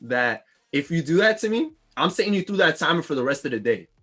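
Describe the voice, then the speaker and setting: Husky laid-back man on a podcast. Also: on the high side, fast talker. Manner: laid-back, laughing, animated when ranting. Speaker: podcast co-host. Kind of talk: casual gaming podcast chat.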